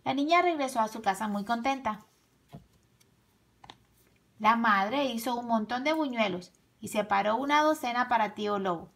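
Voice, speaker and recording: A woman slowly and expressively reading a children's folk tale aloud. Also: on the high side, creaky. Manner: slow, expressive storytelling. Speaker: storyteller.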